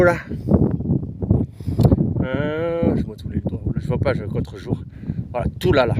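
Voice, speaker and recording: Man, fairly high voice, chatty outdoor vlogger, loud wind on the mic. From Aveyron, France. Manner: chatty, loose, slangy, talks straight to the viewer. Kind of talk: casual chat to camera while hiking. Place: outdoors on a windy rural hillside.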